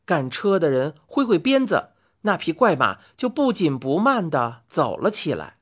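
A woman's voice: low voice, unhurried, husky. A woman telling a story in the first person, reading expressively and acting out the dialogue. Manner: lively, acts out the quoted lines. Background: faint music.

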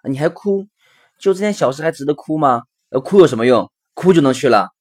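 A man's voice: medium pitch, expressive, brisk, a little mellow, breathy edge. A man voicing a father who lectures his upset young son. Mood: exasperated. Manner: lecturing and impatient, then soothing and understanding.

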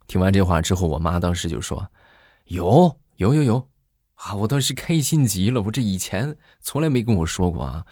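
A man's voice: low-pitched, fairly quick, few pauses, breathy edge, dry recording, studio quality. A middle-aged man hosting a joke show, telling funny stories in a monologue and acting out the voices in them. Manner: animated storyteller who acts out quoted voices.

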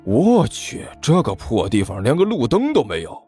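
A low, sneering growl of a mean street robber boss, as a male storyteller puts him on. He snaps and scoffs with bursts of contempt, over faint background music. It is a storybook villain, impatient and cocky. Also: sing-song, normal speed, darkish tone. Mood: scornful. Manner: scornful, snappish, sneering.

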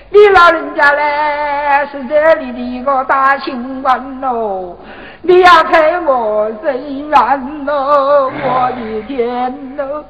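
A loud old village shrew in Chu opera, high bright voice, Hubei accent, whining and scolding. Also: female voice, highs cut off, full character voice. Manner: sing-song scolding with drawn-out wails. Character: quarrelsome old village woman Wang Po, shrill and loud. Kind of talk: Chu opera stage acting.

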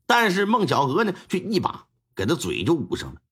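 Male storyteller, husky, very animated delivery, colloquial and wry. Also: on the high side, fairly quick. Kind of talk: pingshu-style storytelling.

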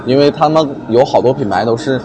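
A man's voice: mid-range voice, brisk. Male interviewee, small business owner, hesitant and conversational, with busy crowd noise around. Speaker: milk tea shop owner being interviewed. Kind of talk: casual interview answers. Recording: busy crowd chatter behind.

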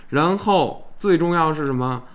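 A man with a Beijing accent telling stories in casual chat, colloquial, earthy and animated, like a talk show host. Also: a little high, normal speed. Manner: colloquial, crude and animated storytelling with swearing. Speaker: podcast host.

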